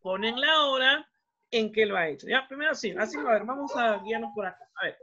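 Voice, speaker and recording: A man's voice: very high voice, a little fast, pushed and bright, slight background noise. A man whose first language is Spanish, teaching English to children over a video call, encouraging and repeating each phrase and then translating it. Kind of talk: online class, mixing English and Spanish. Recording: dull lo-fi video call audio.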